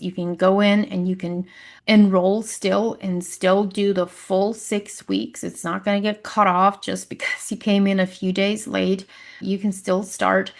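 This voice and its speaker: Woman, podcast host and health coach; casual and upbeat, acts out client quotes. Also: medium pitch.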